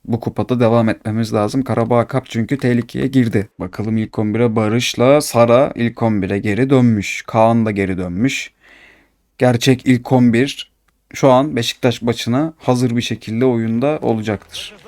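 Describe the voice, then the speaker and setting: A man commentating his own football video game match, swinging between calm narration and excited, complaining outbursts. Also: mid-range voice, moderate pace. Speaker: gaming YouTuber.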